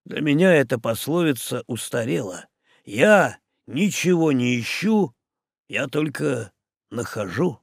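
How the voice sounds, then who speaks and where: A man's voice: mid-range voice, expressive, a little slow, creaky, no echo, clean studio sound. A man doing a jolly, musing sea captain. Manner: playful, musing.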